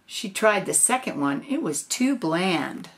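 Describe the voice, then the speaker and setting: An older woman reading a storybook aloud in a gentle grandmotherly way, adding casual asides. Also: lowish voice, big pitch swings, measured pace.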